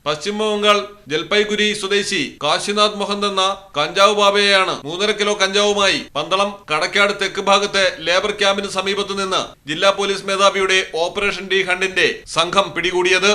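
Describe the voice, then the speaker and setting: A male reporter reads the news in a steady, formal voice-over. His voice sits high and sounds strikingly bright, with little rise and fall in pitch. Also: moderate pace.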